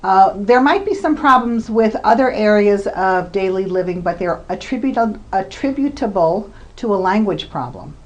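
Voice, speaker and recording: Woman giving a clear explanatory lecture. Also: mid-range voice, lively intonation, normal speed, few pauses. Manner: explanatory, gives examples with occasional fillers. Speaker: researcher lecturing on communication disorders. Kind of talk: recorded lecture presentation.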